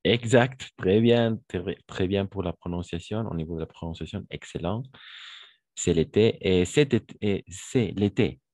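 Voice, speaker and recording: A man's voice: low voice, moderate pace, a little mellow, dry recording. A man teaching a French grammar lesson online, patiently repeating verb forms and praising his students.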